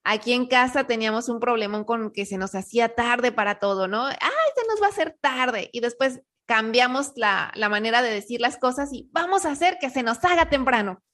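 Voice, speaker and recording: A woman's voice: a little high, fairly quick, few pauses, a bit bright. A woman host, telling stories in casual conversation, often adding "¿no?" and restarting her sentences. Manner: chatty, frequent "¿no?" tags and restarts. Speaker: podcast host.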